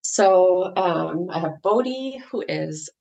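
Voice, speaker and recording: A woman guest on a podcast, talking in a relaxed, chatty way with plenty of fillers. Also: lowish voice, takes it slowly, gravelly. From Canada. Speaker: guest, dog owner and social media creator. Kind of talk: casual podcast interview.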